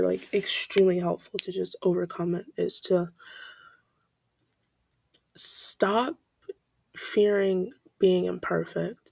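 A woman's voice: on the low side, vocal fry, darkish tone, no echo. A young woman hosting her own podcast from home, rambling in a scattered, self-deprecating way with frequent laughs and a stuffed-up nose. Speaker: podcast host. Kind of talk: casual rambling monologue. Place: bedroom. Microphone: home mic.

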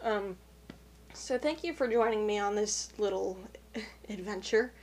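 Husky-voiced woman hosting a chat. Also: mid-range voice, a little slow, darkish tone. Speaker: podcast host. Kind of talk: casual chat.

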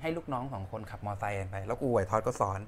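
A man's voice: fairly low pitch, very fast, slight background noise. A man in casual chat, telling a story animatedly with crude slang. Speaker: guest storyteller.

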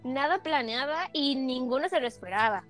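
A young woman chats on a podcast, her voice sitting high and bright as she retells a story with animated, dramatic flair. Faint music plays softly behind her. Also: moderate pace. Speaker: podcast co-host. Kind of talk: casual chat, personal storytelling.

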